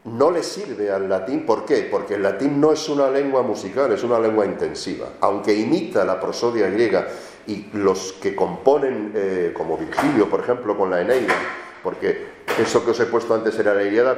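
A man from lectures to a room of students, his voice sitting on the low side. He explains things patiently and keeps checking in with his listeners through questioning tags. The recording carries the noticeable echo of a lecture room. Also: normal speed, background noise. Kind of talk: classroom lecture.

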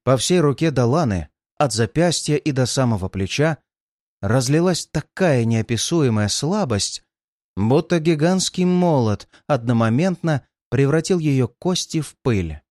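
A man narrating a dark fantasy audiobook in a measured, dramatic reading. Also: mid-range voice, animated, dry recording, studio quality.

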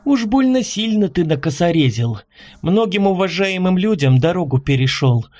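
A man voicing a calm, sly female contract killer who mocks her captive. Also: high-pitched, moderate pace, soft background music.

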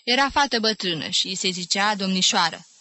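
Audiobook narrator, female, measured and clear; bright voice, dry recording. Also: medium pitch, lively intonation, no room sound. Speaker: audiobook reader.

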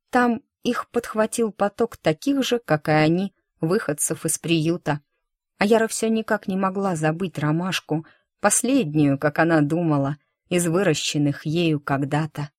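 Woman storyteller, steady expressive reading, somewhat low voice, dry close sound. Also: dry recording. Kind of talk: scripted story narration.

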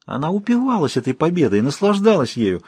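A man narrates a literary novel in a measured, expressive way. His voice is husky, at an average pitch for a man. The recording is dry and close, with no room sound. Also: no echo. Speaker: audiobook narrator.

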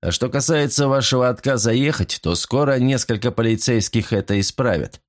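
A man's voice: medium pitch, brisk, voice pushed up, natural voice. A man voicing a stern male detective who speaks in clipped, emphatic sentences in an audiobook.

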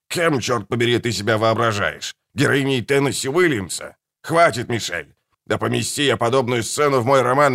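A man's voice: mid-range voice, fairly bright tone. A man reading an audiobook voices a cold, condescending middle-aged writer arguing with his daughter. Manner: icy, condescending sarcasm.

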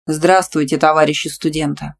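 A woman reading out the lines of a brisk, stern male gym teacher in an audiobook, loud and commanding. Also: low-pitched, steady tone, gravelly.

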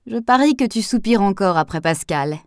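A woman's voice: mid-range voice, lively intonation, moderate pace, dry recording, studio quality, natural voice. A woman reading as a sardonic, touchy man. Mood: wry. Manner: sardonic, touchy, then sharp. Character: gruff reserved man, Pascal's brother.

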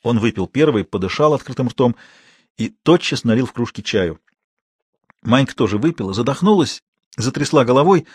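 A man reading a novel aloud in measured, steady scripted narration. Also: medium pitch, husky, no room sound, clean studio sound. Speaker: audiobook narrator.

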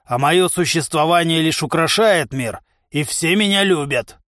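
A man voicing a pompous, boastful giant of a prisoner who declaims slowly and grandly, his sulky dignity never slipping. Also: on the high side, animated, fairly bright tone, dry recording, pitched above the performer's own voice. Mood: grandiose. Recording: dry close studio sound.

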